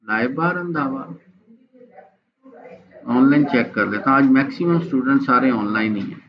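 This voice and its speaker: A man's voice: medium pitch, lively intonation, normal speed, a little hiss or hum. Guy teaching an online design class, chatty, keeps checking in with students, slightly dull lo-fi sound. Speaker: graphics teacher. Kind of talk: live online software class.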